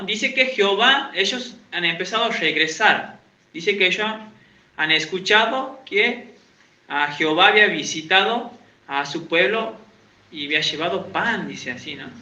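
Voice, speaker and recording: With a high-pitched, bright, forceful voice, an evangelical pastor from Santiago, Argentina talks his way through a chatty sermon in Uruguay. He quizzes the congregation and cracks jokes about himself, and the echoey church recording sounds dull and lo-fi.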